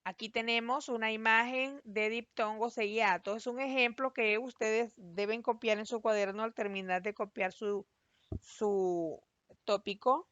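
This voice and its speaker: A woman teacher giving a recorded class, explaining patiently and spelling out syllables slowly. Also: fairly high pitch, steady tone, fairly bright tone, no echo. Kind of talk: recorded online class lesson. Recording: dry, slightly dull lo-fi voice-over.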